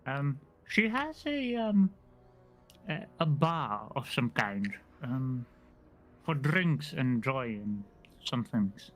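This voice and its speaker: A man acting as game master in a tabletop role-playing game, speaking hesitantly with many pauses and restarts while voicing a shopkeeper. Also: mid-range voice, big pitch swings, a bit bright, soft background music, low-quality recording. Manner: hesitant, lots of ums and restarts.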